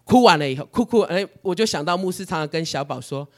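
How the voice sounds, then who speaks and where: A man preaching a sermon, telling his story in an animated, emotional way. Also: fairly high pitch, fast talker.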